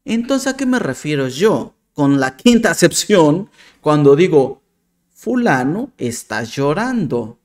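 A man delivers argumentative commentary straight to camera. He speaks slowly and with a sarcastic, mocking bite. His pitch rises and falls expressively as he presses his point. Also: sing-song. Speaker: video commentator.

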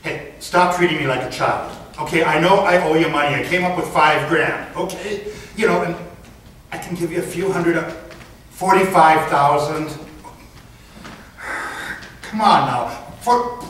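A cornered man who owes money talks defensively and pleads, acted by a man on stage. His voice sits slightly high. He is recorded from a distance in a very echoey space, with faint hiss behind him. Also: measured pace, pauses often, fairly bright tone. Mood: pleading. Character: anxious indebted man on the phone, then curt. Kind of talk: stage play acting. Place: stage performance.

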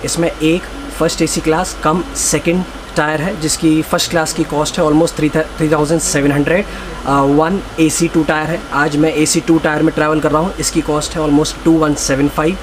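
A young man in his twenties gives an upbeat travel vlog, holding the phone at arm's length and reeling off figures. His voice sits fairly high. Station and train noise come through clearly behind him. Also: level tone, moderate pace. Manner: upbeat, explanatory, rattles off numbers and facts. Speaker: travel vlogger. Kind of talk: casual travel vlog narration. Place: railway platform and inside a train coach. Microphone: phone camera at arm's length. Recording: noisy station phone recording.

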